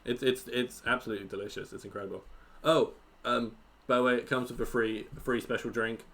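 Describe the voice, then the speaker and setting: A man's voice: mid-range voice, fairly even intonation, brisk, creaky, a bit bright. A man narrating as game master of a tabletop game, stammering and repeating words as he goes.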